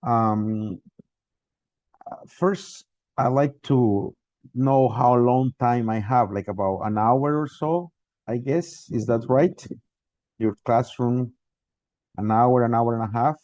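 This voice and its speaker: A Costa Rican guest lecturer gives an online academic lecture from home over a video call. His mid-range, darkish voice moves slowly with long pauses, hesitant and full of restarts and fillers. The audio has no echo but sounds muffled.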